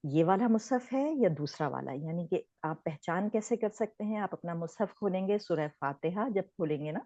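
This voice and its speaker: Low mellow-voiced woman teaching. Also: no room sound. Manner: conversational, mixes English words into explanations. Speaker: Quran recitation teacher. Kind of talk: informal online lesson. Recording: dull lo-fi sound.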